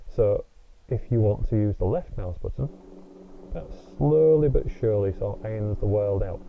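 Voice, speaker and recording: A man narrating a software tutorial step by step in a patient, instructive way, heard through tinny, low-quality sound. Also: vocal fry, slight background noise. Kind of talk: screen-recorded tutorial narration.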